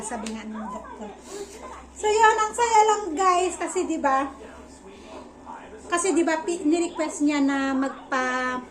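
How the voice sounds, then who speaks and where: Young Filipino woman, high voice, casual chatty vlog delivery, often pausing to find words. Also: low-quality recording. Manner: chatty, searches for words, many fillers. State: slightly out of breath. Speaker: vlogger.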